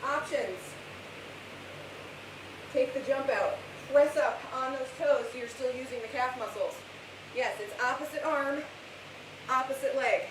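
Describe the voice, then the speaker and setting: A woman's voice: high voice, measured pace, long pauses. A woman working as a fitness instructor, calling out encouragement, cues and countdowns as she exercises through a live workout class. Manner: exerting herself while talking through the exercises. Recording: echoey room, far from mic, loud hiss.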